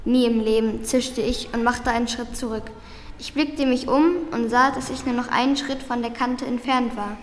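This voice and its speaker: A woman's voice: on the high side, fairly even intonation, normal speed. A woman carefully reading a diary-style story aloud, with small slips. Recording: roomy recording with long reverb and faint background noise.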